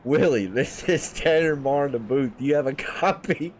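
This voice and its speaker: A man's voice: medium pitch, animated, moderate pace, a crowd in the background. Laughing, chatty male race commentator. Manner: laughs often, loose and chatty. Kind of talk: casual live race commentary.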